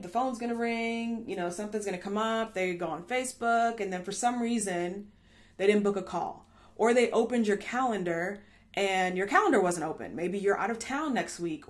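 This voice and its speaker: A woman coaching a marketing training class in a chatty, upbeat way, checking in often with "okay?" and correcting herself as she goes. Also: medium pitch. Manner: thinks out loud, corrects herself mid-stream. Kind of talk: live training lesson.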